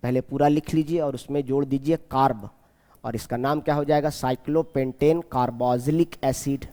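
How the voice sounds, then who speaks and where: A man teaching a chemistry class, repeating key terms slowly and asking his students questions as he goes. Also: mid-range voice, steady tone, mellow, long reverb tail. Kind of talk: classroom lecture.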